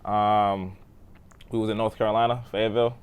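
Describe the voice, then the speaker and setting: A man's voice: on the low side, flat delivery, fairly quick, clear, resonant tone. A man in his thirties, a guest on an interview podcast, talking casually about growing up, with many fillers and a voice that trails off. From born in Texas, raised in Boston. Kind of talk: interview storytelling.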